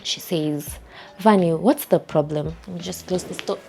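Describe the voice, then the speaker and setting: Woman, Kenyan accent, young adult, lowish voice, animated exasperated vlog chat, faint music behind. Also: fairly quick, creaky. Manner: animated, exasperated retelling with laughs. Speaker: vlogger. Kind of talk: casual storytelling vlog. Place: indoors at home, small room.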